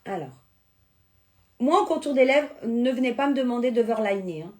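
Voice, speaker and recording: Born in France to a Spanish family, with Spanish as her first language, a woman chats casually on a live stream while selling beauty products and answering viewers' comments. Her voice is fairly high, with lively intonation at a moderate pace.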